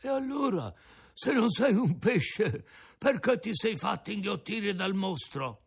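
A man voicing a resigned, philosophical male tuna with a cracked, creaky voice, speaking slowly in a storybook reading. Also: high voice, sing-song, pitched above the performer's own voice, heavily acted. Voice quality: cracked, creaky voice like an out-of-tune guitar. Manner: slow, resigned, drawn-out delivery. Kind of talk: audiobook character voice.

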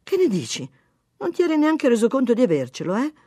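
A bossy, doting woman who coaxes and scolds in a high voice, as a reader puts her on. Her lines move lively up and down. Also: brisk, slightly rough, no room sound, studio quality, full character voice. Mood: coaxing. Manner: coaxing, bossy. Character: pushy, doting woman fussing over a man.

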